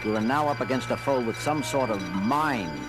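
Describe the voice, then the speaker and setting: A man's voice: mid-range voice, normal speed, close to an everyday voice. A man playing an earnest, commanding starship captain who narrates a space adventure in a theatrical audio drama style. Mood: grave narrating. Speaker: voice actor and first-person narrator. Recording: loud music, some vinyl-like pops. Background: loud dramatic orchestral music.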